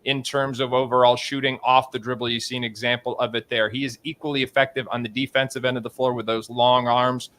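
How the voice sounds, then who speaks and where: A man's voice: mid-range voice, level tone, fast, hardly any pauses, a bit bright. An American man hosting a sports show with polished, emphatic commentary and interviewing. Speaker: sports show host and scouting analyst.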